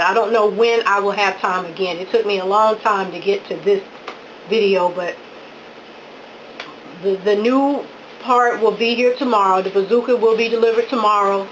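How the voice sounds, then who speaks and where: A woman's voice: medium pitch, moderate pace, a bit bright, slight background noise, poor audio. A woman vlogging at home as she tastes her own cooking, exclaiming with delight and talking through mouthfuls of food. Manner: effusive, exclaiming with delight between bites; talking with her mouth full while chewing. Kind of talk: casual talk while tasting food.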